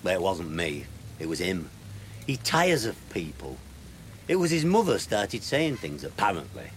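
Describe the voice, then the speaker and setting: An actor playing a self-pitying gardener, wistful and grandiloquent in a radio sitcom. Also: male voice, sits low, wildly swooping pitch, normal speed, a little hiss or hum. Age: 30s. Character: weary, self-pitying male gardener in his thirties, cast out by his boss.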